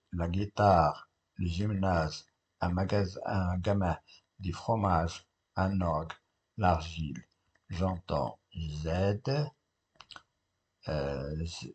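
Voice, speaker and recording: A man teaching, slowly correcting a French grammar and spelling test, repeating words and spelling out letters. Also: low-pitched, creaky, breathy edge. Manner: slow, repetitive classroom explaining, spelling out letters.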